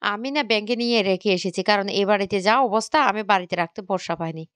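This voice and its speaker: A woman's voice: mid-range voice, fast talker, clear, resonant tone, dry recording, studio quality, natural voice. A woman reading the lines of a defiant young wife who refuses her in-laws' demands, in an indignant manner.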